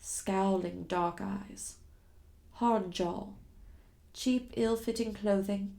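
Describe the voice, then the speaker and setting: A woman's voice: medium pitch, extremely slow, creaky, warm tone. A woman narrating a novel in the first person, reading with dramatic tension. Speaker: reader of a novel.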